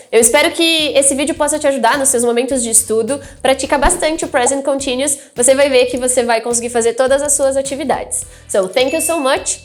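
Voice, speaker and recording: A woman from Brazil teaching English grammar, patiently repeating key terms and often checking in with "ok?". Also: high voice. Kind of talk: explaining grammar rules.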